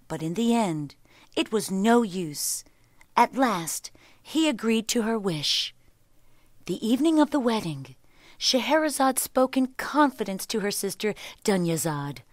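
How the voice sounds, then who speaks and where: Expressive woman reading a children's tale. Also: a little high, dry recording, clean studio sound. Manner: expressive storybook telling. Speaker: storyteller. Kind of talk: scripted children's story narration.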